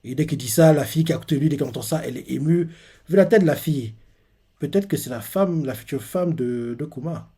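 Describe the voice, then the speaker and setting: A man's voice: a little high, fast talker, warm tone, breathy edge. A man hosting a manga reaction, casually recapping a chapter in a hesitant way with many fillers and self-corrections.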